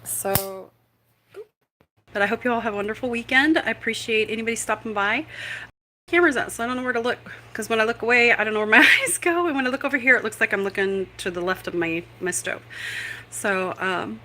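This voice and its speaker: The audio is poor, and the woman's fairly high voice is sharp and fairly quick. She's a cooking show host on a laid-back kitchen livestream, chatty, digressive and self-mocking.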